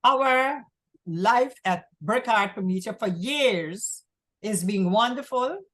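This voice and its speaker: A woman's voice: on the high side, animated, slow. A woman from Guyana hosting a community access talk show, talking in long rambling runs and often repeating herself. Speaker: host.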